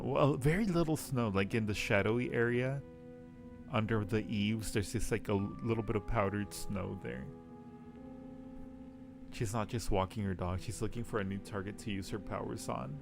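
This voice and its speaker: Here the streamer's voice sits on the low side and sounds gravelly. He reads the game's text aloud and muses while chatting casually with viewers, and music runs behind him.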